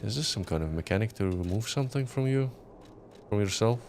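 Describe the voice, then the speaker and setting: A man's voice: fairly low pitch, expressive, brisk, darkish tone, slight background noise. A man doing casual game playthrough commentary, musing aloud and reading in-game text. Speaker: game streamer.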